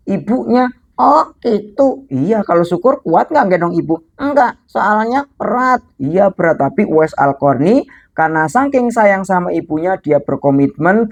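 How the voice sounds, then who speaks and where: A woman's voice: fairly low pitch, highs cut off. A young woman telling a story to a group of children, asking them questions and making animal sounds.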